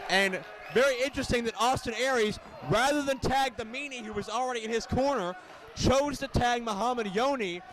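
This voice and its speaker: A man's voice: very high voice, a little fast. A man working as a wrestling play-by-play commentator, calling the match live in emphatic, clipped phrases. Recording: noisy arena recording.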